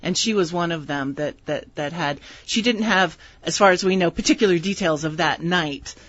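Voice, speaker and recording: A woman's voice: on the low side, moderate pace, a bit bright. A woman author talking as a guest on a radio show, explaining her book in a thoughtful way. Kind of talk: radio interview. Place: radio studio. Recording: dry, dull radio studio audio.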